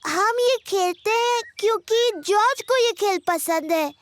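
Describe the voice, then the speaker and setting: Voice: very high voice, a little slow, fairly bright tone. A performer voicing a cheerful, bossy little girl pig in a children's cartoon, with a playful, proud, childlike manner. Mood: indignant, proud. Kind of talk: children's cartoon dub acting. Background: music.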